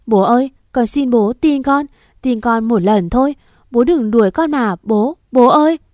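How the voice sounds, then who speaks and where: A woman's voice: unhurried, dry recording, clean studio sound, lightly acted. A woman voicing a young girl in an audio story, pleading with her father in a tearful voice. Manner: tearful begging, higher and louder.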